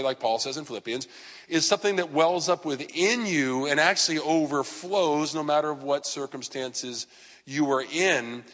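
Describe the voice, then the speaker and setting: A man in his fifties preaching a sermon as pastor, conversational with self-deprecating asides and sudden loud outbursts. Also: on the high side. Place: church sanctuary. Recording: long reverb of a church hall.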